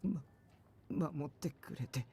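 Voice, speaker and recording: A man's voice: on the high side, normal speed, mellow, slight background noise, close to an everyday voice. A man voicing a timid, nervous teenage boy who stammers, in an anime-style game clip. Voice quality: stammering, hesitant.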